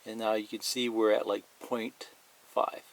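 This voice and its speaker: A man on the low side speaks in a level, unhurried way. Acting as a hobbyist instructor, he plainly guides a hands-on demonstration step by step, pointing at things and repeating himself, sometimes reading straight from a manual.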